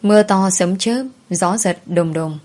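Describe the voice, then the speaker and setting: A woman reading a story aloud in a calm, even scripted narration. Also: mid-range voice, a little slow.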